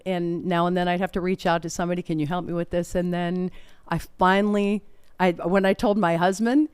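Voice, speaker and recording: A woman's voice: on the low side, fairly quick, clear, resonant tone, no room sound. A middle-aged woman telling stories in a casual interview, chatty and laughing often. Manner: chatty, laughing, animated storytelling. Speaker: performer and guest.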